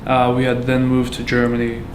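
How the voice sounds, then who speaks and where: A man from Afghanistan tells his story as a patient in a monotone, with hardly any rise or fall in his voice. He halts often, filling gaps with fillers and restarting his sentences. The room echoes and there is clear noise behind him. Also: medium pitch. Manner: halting, with many fillers and restarts. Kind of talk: candid personal testimony.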